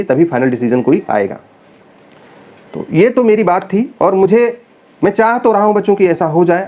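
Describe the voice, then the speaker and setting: A man's voice: on the high side, dark tone. A man who is a teacher, talking straight to his students in a casual, earnest and persuasive way, often calling them children. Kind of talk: casual direct-to-camera talk to students.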